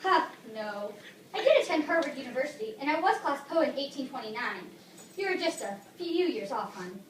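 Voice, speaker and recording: A woman's voice: high-pitched, sing-song, fairly quick. A teenage girl playing a chatty, self-doubting retired male poet and professor who explains things like a teacher. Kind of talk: amateur talk-show skit. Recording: echoey room, distant mic, faint noise.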